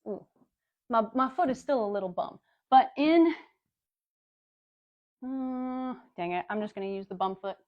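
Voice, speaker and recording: A breezy woman coach talks viewers through a workout demo in a slightly high voice, tossing out pet names as she goes. The audio is a bit dull and lo-fi, like a home livestream. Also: measured pace, pauses often. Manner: chatty, breezy, calls viewers baby and girlies. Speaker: fitness coach. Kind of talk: casual live workout demonstration.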